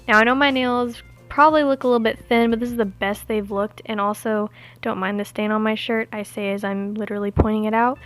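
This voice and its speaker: A woman's voice: fairly high pitch, steady tone, brisk, fairly bright tone, faint music behind. A young woman with a Southern US accent, narrating her nail tutorial in a chatty, self-mocking way. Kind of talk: casual voice-over narration.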